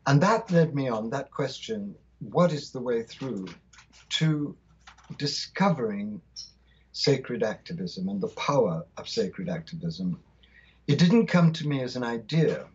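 A man's voice: medium pitch, animated, a little slow, a little mellow, slightly rough, lo-fi sound. A man in his sixties from South India, telling a spiritual vision with fervent, rhythmic phrasing as an interview guest. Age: 60s. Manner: fervent, rhythmic, lingering on lists of words. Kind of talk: impassioned spiritual storytelling.

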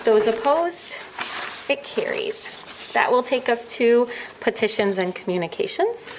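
An American woman with a fairly high voice chairs a formal public meeting. She speaks in procedural phrases to the room. There is noticeable noise in the recording. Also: very animated, unhurried.

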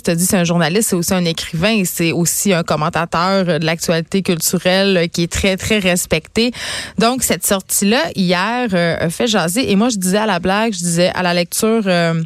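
A woman with a Quebec French accent giving radio commentary in a wry, lively way, with plenty of fillers. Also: fairly low pitch, normal speed, no room sound, studio quality. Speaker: radio columnist. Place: radio studio.

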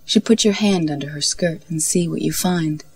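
A woman voicing a playful, commanding woman who gives a lover soft, hushed instructions in a husky low voice. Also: moderate pace.

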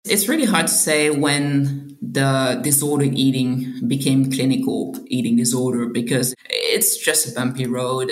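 In an echoey room, a young woman from Belgium with a rumbling low voice gives a personal testimony interview. She's a doctoral candidate, and she recounts her experiences earnestly and reflectively, occasionally restarting hesitantly.

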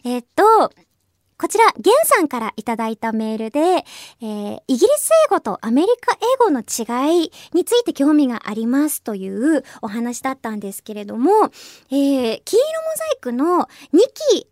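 High, lively Japanese woman hosting a show. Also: no echo, clean studio sound. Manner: halting, searching for words with many fillers. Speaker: radio show host. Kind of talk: casual talk in English and Japanese.

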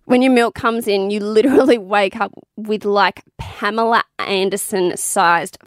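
A woman's voice: medium pitch, fairly even intonation, dry recording. Frank, swearing young mother, dry close sound. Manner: frank and swearing, with quick laughs. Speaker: new mother sharing birth experiences. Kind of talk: candid casual storytelling.

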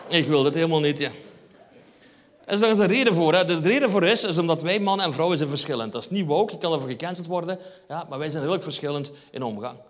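A stand-up comedian with a Flemish accent performs on a theatre stage, his slightly high voice lively and fast. He tells a wry story and speaks directly to the audience, and the live hall is reverberant.

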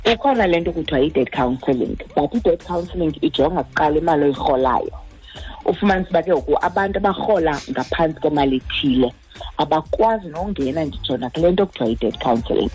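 A woman's voice: low voice, lively intonation, quick pace, a little mellow, husky, soft background music, poor audio. A woman with a South African Xhosa accent explaining things as an official in a radio interview, slipping into English phrases. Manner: code-switches into English phrases. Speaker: consumer credit ombud representative.

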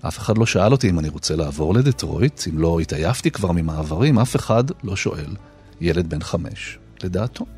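A man hosting a radio show, narrating scripted personal stories in a measured way with deliberate pauses. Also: low voice, expressive, warm tone, soft background music. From Israel. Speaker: radio host.

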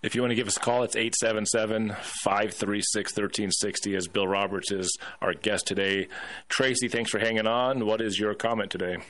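A man's voice: lowish voice, fairly even intonation, a little fast, a bit bright, no room sound, low-quality recording. A man hosting a radio call-in show in a casual conversational style. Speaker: radio talk show host.

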